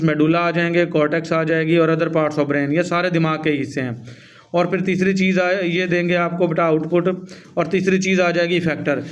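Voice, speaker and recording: A man teaching physiology, reading English lines slowly and then explaining them, calling his students "beta" and asking and answering his own questions. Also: on the high side.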